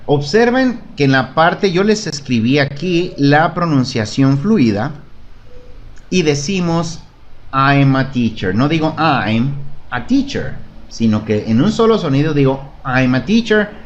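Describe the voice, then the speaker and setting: A man teaches a beginner English lesson online, speaking Spanish in a high-ish, very animated voice at a measured pace. He patiently models phrases for learners to repeat and checks understanding with "¿De acuerdo?". The audio is dull, with a little hiss or hum.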